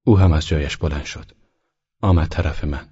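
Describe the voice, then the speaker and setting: Deep husky male audiobook narrator. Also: mellow. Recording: dull lo-fi recording.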